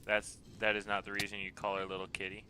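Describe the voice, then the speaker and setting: A man in his twenties from the United States, casually streaming a game and answering chat messages in a relaxed way. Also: on the low side, quick pace, background noise. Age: 20s. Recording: game music playing behind the voice. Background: background music.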